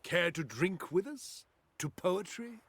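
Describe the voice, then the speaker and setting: A man's voice: high-pitched, expressive, takes it slowly, fairly bright tone, husky, exaggerated voice. An actor voicing a tipsy, teasing male reveler at a game wedding. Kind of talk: video game voice acting.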